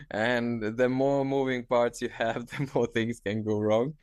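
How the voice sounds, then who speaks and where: A man in his thirties with a Lithuanian accent, a guest on a video call interview, speaking haltingly with frequent restarts and easy laughter. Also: medium pitch, dry recording, clean studio sound. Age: 30s. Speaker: guest, ultra-distance cyclist. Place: small room at home, indoors.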